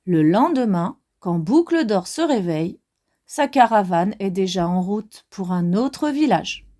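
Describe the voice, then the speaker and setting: A woman reading a children's picture book aloud in a slow, expressive, sing-song way. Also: medium pitch. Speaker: children's storyteller. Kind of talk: read-aloud storytelling for children.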